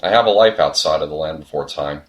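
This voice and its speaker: A man's voice: a bass voice, fast talker. A young man narrating a scripted video essay, earnest and reflective, with the odd sudden comic outburst.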